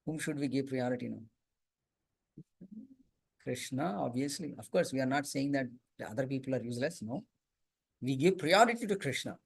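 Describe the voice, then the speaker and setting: A man's voice: medium pitch, expressive, normal speed, creaky, long pauses, husky. A man with a Telugu Indian accent, a native Telugu speaker, leading an interactive religious class and often checking in with short questions. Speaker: scripture class teacher.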